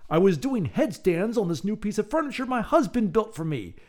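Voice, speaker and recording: A man's voice: sits high, very animated, fairly quick, darkish tone, voice pushed up. A man voicing a sprightly, eccentric old woman in a storybook, exuberant and welcoming as a hostess. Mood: spry, cheerful. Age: older. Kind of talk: storybook character voice.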